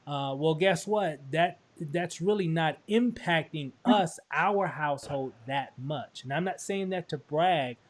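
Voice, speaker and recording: A man's voice: on the high side, unhurried, hardly any pauses. A man from Texas hosting a casual promotional chat over a video call, upbeat and full of restarts and fillers. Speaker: host.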